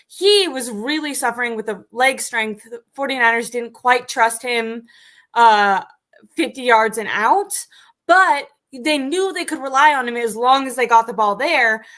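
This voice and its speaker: A chatty woman hosting a live-streamed sports talk show, her voice bright and forward, pitched a little high. She talks loosely, with plenty of ums and likes as she reads off stats. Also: lively intonation, a little slow. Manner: chatty, many fillers, reads stats aloud. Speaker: sports podcast host.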